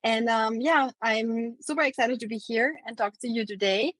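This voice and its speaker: A woman's voice: on the high side, moderate pace, dry recording, rough recording. Austrian-born woman chatting, dry close sound. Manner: relaxed, many fillers like um and like. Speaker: guest, marketing agency founder. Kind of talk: casual interview talk.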